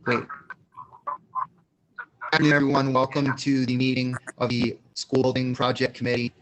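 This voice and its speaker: A man chairing a committee meeting over a video call, halting with ums, his audio choppy and breaking up. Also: mid-range voice, completely flat delivery, fairly bright tone, slight background noise, poor audio. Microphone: computer on a video call.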